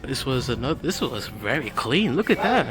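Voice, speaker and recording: Walking a big hardware store with his camera, a man gives offhand vlog commentary in a sing-song, mid-range voice at normal speed. Store music plays in the background.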